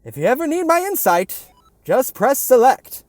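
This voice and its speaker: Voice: high voice, sing-song, normal speed, darkish tone, no room sound, voice pushed up. Squawky grumpy duck-shaped hat guy, all mock-posh and huffy, gamer doing the voice. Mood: smug. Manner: blustering, indignant, mock-formal.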